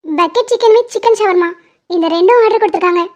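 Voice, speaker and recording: A caring young college friend, voiced by a woman, reassures and teases in an animated love story. The voice is very high and mellow. The sound is muffled and lo-fi. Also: quick pace. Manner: reassuring, teasing. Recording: dull lo-fi audio.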